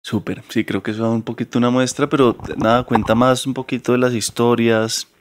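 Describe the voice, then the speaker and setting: A man's voice: medium pitch, a little fast. A man hosting a podcast, asking casual questions and nudging his guest along with short remarks. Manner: relaxed, brief prompting remarks. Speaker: podcast host.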